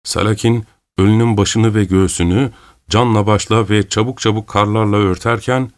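A man narrating a story aloud in a steady, even storytelling manner. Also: on the low side, moderate pace. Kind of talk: audiobook narration.

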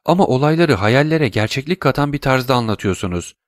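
A man's voice: mid-range voice, lively intonation, a little fast, dry recording, studio quality, pitched above the performer's own voice, close to an everyday voice. A man voicing a frightened noblewoman who speaks in a shaken, strained way.

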